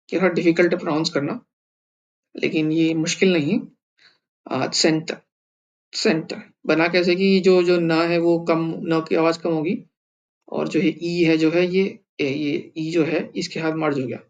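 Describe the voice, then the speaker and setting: A man teaching a language lesson, patiently sounding out words syllable by syllable and repeating them for practice. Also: fairly high pitch.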